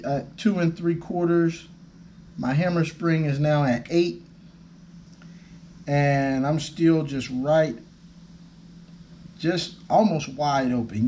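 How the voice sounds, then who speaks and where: Slow folksy man. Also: mid-range voice, darkish tone, slight background noise. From United States. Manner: folksy, easygoing drawl. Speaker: airgun reviewer. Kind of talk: casual product review.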